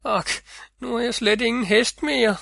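A man's voice: a little high, fairly even intonation, pushed and bright, no echo, clean studio sound. A man voicing a cheerful, poor farmer in a storybook reading, eager and exclaiming.

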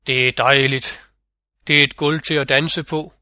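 A man's voice: medium pitch, flat delivery, sharp tone, no echo. A man voicing the boastful male North Wind in a fairy-tale audiobook reading. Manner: boastful, vivid storytelling.

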